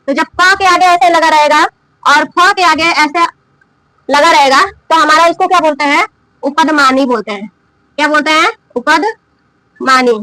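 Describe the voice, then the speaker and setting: Teaching a grammar lesson, a woman poses questions aloud, answers them herself, and repeats key terms as she explains and drills the class. Her high voice is pushed and bright, and she coughs now and then. The recording is dry and rough.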